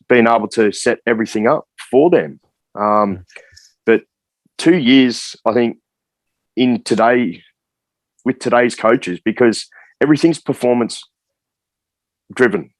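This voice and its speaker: A man's voice: mid-range voice, a little slow, pauses often, dry recording, poor audio. An Australian man, a guest coach, giving his view in a hesitant, plain-spoken way with many fillers. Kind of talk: casual podcast discussion.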